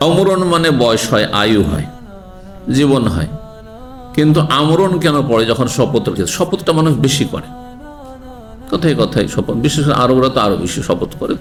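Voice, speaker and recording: An Islamic scholar gives a religious lecture in a steady, explanatory manner with a medium-pitched voice, repeatedly turning to his listeners with rhetorical questions. Faint music plays in the background beneath him.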